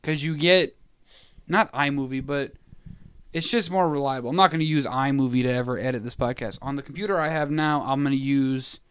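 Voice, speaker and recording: A man's voice: mid-range voice, fairly even intonation, fairly quick, fairly bright tone, clear, resonant tone, no room sound. A young man co-hosting a casual podcast, telling long stories with lots of fillers into a podcast mic. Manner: rambling storyteller with many fillers. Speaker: podcast co-host. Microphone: podcast microphone.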